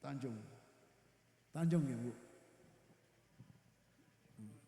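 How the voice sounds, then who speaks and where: A man's voice: mid-range voice, drawn-out words, vocal fry, dark tone. A middle-aged man, teaching Quran reading to a women's gathering. He stresses his points by repeating them and now and then asks the audience questions. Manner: emphatic, repeats key phrases, chats with the audience. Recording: very echoey hall with long reverb.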